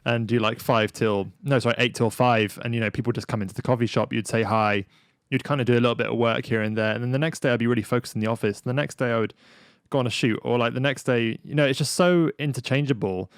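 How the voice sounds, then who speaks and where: A man hosting a podcast in a relaxed, rambling way, full of "like" and "you know". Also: medium pitch, fast, clear, resonant tone, no room sound, clean studio sound. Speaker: podcast host. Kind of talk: casual conversation.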